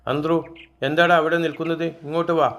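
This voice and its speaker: A man doing a brisk young uncle. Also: medium pitch, flat delivery, sharp tone. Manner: brisk, reassuring.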